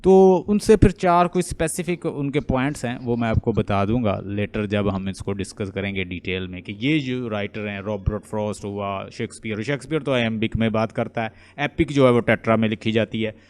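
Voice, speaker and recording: A man from Pakistan with a Pakistani accent, an Urdu native speaker, teaching an online English lecture, explaining and quizzing students and repeating words slowly. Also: lowish voice, a little mellow, clear, resonant tone. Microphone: online class call.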